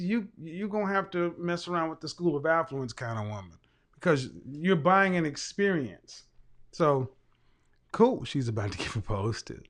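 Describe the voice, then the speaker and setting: A man who is a livestream host and image consultant talks in a voice that sits high and a bit bright. Hosting a casual live-stream chat, he's blunt and rambling, restarting often and swearing frequently.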